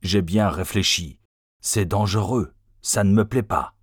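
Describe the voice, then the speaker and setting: A man's voice: deep voice, unhurried, slightly rough, no echo, clean studio sound. A man voicing a menacing, vengeful male outlaw who speaks sternly and threateningly. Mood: cautious.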